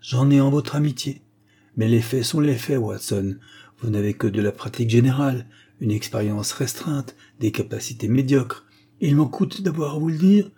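A man reading an audiobook, voicing a gravely ill male detective who speaks weakly and short of breath yet in a sharp, commanding way. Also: medium pitch, lively intonation, moderate pace. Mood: cold. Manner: commanding, sharp, abrupt outbursts.

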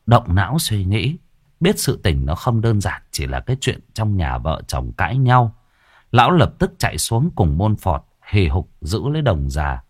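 A man narrating a ghost story in a lively, expressive way. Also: fairly low pitch, dry recording, clean studio sound.

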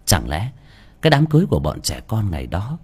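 A man's voice: sits low, wildly swooping pitch, fairly quick, darkish tone, breathy edge. A man narrating a first-person story as an audiobook reader, telling it expressively.

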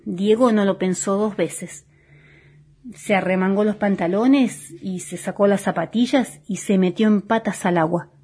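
Husky woman reading a children's story. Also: mid-range voice, a little slow. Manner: gentle, expressive storytelling.

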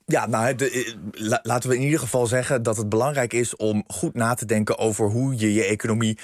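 A male economist who is a guest on a radio interview, explaining in a measured way with lots of filler sounds. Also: mid-range voice, steady tone, dry recording, clean studio sound.

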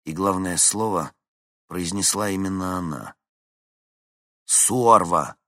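A man narrating an audiobook in an expressive storytelling manner. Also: low-pitched, moderate pace, no echo, studio quality. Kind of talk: scripted narration.

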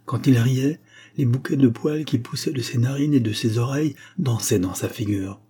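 A man narrating a classic literary tale in a measured, calm storytelling manner. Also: mid-range voice, slightly rough. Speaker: audiobook narrator.

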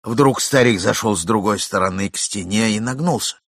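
A man reading a story aloud with a lively, dramatic delivery. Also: on the low side, moderate pace, no echo, clean studio sound. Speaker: narrator.

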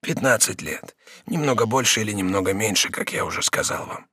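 A male audiobook reader voicing a dying old prisoner in his sixties who speaks slowly, quietly and wearily. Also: fairly low pitch, breathy edge, no echo, studio quality. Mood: resigned. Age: 60s. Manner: slow, hushed, sighing. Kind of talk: audiobook character reading.

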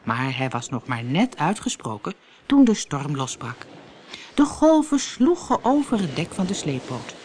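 Expressive woman reading a children's story. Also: low voice, unhurried, a little hiss or hum. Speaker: storybook narrator. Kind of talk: scripted narration of a children's story.

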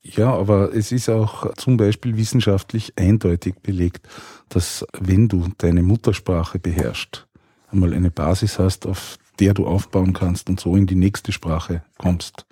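A man, a teacher, answering interview questions in a calm, measured, explanatory way. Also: deep voice, breathy edge, dry recording, studio quality.

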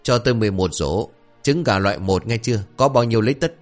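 A man voicing a loud, brash old man who outbids a rival by shouting his orders. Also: fairly low pitch, fast talker, soft background music, lightly acted. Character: loud competitive old male rival buyer.

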